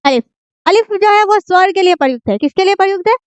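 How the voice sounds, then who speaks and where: Woman teacher, very high voice, dry close sound; patient, repeats her own questions, pauses on fillers. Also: lively intonation, no echo. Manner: patient, repeats questions and answers them herself; frequent fillers and self-corrections. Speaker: Urdu teacher. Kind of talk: online language lesson.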